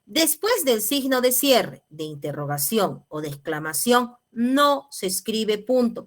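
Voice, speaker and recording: A woman's voice: medium pitch, fairly bright tone. A woman teaching an online class, explaining patiently and checking in with her students. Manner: patient, checks in with tag questions.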